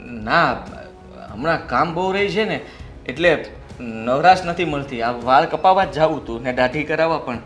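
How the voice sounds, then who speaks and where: Flustered, stammering son-in-law. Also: male voice, fairly high pitch, animated, moderate pace, fairly bright tone, faint music behind. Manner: stammering, defensive. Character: flustered young son-in-law, nervous and evasive. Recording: echoey room.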